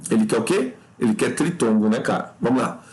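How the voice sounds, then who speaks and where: In this exam review lesson, a man from Brazil guides the listener answer by answer. His explanatory style is full of "tá?" check-ins and the word "cara," with lively upward pitch jumps to drive points home.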